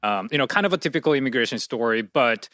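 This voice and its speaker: A man's voice: mid-range voice, lively intonation, fast, a bit bright, dry recording, clean studio sound. A young man, a guest telling his story thoughtfully in a casual interview, with many fillers and restarts. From South Korea. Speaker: guest, entrepreneur.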